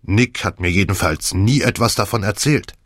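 A man's voice: lowish voice, normal speed, fairly bright tone, breathy edge, no echo. A man voicing a cheerful adult son in an audiobook, sounding pleased and hearty. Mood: glad. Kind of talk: audiobook character voice.

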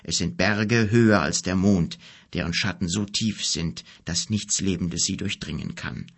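A man reading an audiobook, voicing a grave, gentle bearded wizard in a solemn, hushed, unhurried way. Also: low-pitched, slightly rough, pitched below the performer's own voice, full character voice. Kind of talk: audiobook character voice.

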